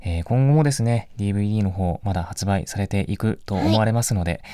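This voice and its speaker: A man's voice: lowish voice, fast talker, warm tone, no room sound. A male voice actor chatting through a DVD commentary in a studio, talkative and given to mock-formal asides. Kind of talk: DVD audio commentary, casual chat.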